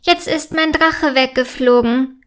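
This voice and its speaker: An eager little girl in a storybook, high and chirpy, bubbling with breathless excitement, as a woman reads her part. She speaks in an unhurried, carefully paced way. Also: smooth. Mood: upset.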